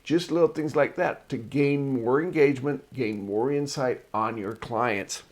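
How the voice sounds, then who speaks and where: A man's voice: medium pitch, unhurried, darkish tone. Chatty man hosting a marketing show. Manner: chatty and digressive, tells personal stories. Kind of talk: casual solo talk reviewing articles.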